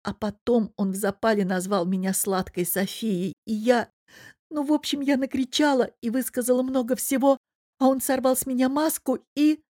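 A woman voicing a tearful, upset young woman who pleads and sobs in a high-strung voice. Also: normal speed, a little mellow, dry recording, studio quality, natural voice. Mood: distraught.

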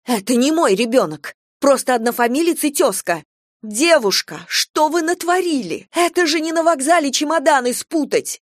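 A woman's voice: sits high, normal speed, dry recording, studio quality, pitched above the performer's own voice, natural voice. A woman voicing a frantic young mother, panicked and pleading as she searches for her missing son. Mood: indignant. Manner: panicked pleading, rising to shouts.

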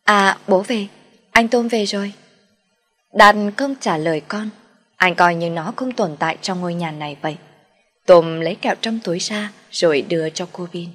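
A woman narrating a family story in the first person, in a soft, mournful storytelling manner. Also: on the low side, moderate pace.

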